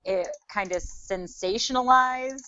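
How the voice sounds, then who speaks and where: A woman's voice: a little high, unhurried, sharp tone, dry recording. A woman co-hosting a casual book podcast, talking animatedly and acting out quoted thoughts. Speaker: podcast co-host. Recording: slightly dull, lo-fi podcast audio.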